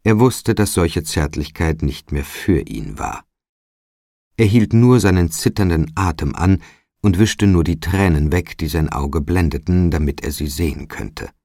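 A man narrating a literary audiobook in a measured, dramatic storytelling manner. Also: deep voice, mellow, no room sound, clean studio sound.

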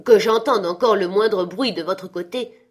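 A woman's voice: mid-range voice, normal speed, darkish tone, husky, lightly acted. A woman reading Scrooge, curt miserly old man. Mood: scolding. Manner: curt, scolding. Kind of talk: audiobook reading.

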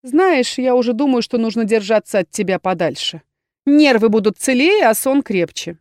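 A woman's voice: a little high, animated, normal speed, darkish tone, dry recording, clean studio sound, natural voice. A woman voicing a young female necromancer student who complains dramatically and theatrically. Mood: plaintive. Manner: exasperated, theatrical lamenting. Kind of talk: audiobook character voice.

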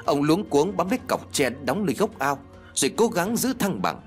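A man reading a ghost story aloud as narrator, in a steady, expressive way. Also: a little high, normal speed, faint music behind.

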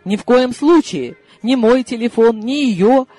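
Man voicing a sulky young man, offended, grumpy, audiobook, high voice. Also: expressive, a little slow, dark tone, dry recording, faint music behind, heavily acted.

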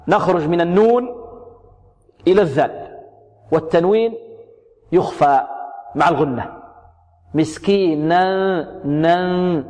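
A man teaching tajweed, repeating words slowly, drilling single sounds, asking and answering his own questions. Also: high voice, a little mellow. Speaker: Quran recitation teacher. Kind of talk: tajweed lesson on pronunciation. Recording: long hall reverb.

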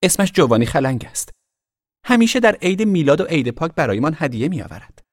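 A man's voice: fairly high pitch, sing-song, no room sound, clean studio sound, voice pushed up. A man voicing a haughty, teasing young noble girl in an audiobook, mocking and imperious.

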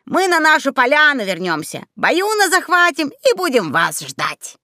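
A woman's voice: sits high, very animated, pushed and bright, no echo, clean studio sound, voice pushed up, heavily acted. A woman voicing a cunning little male house spirit in a storybook reading, talking slyly. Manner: sly, quick-witted.

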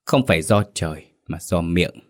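Brief: a man doing a grave exorcist master, deep, deliberate, commanding. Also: animated.

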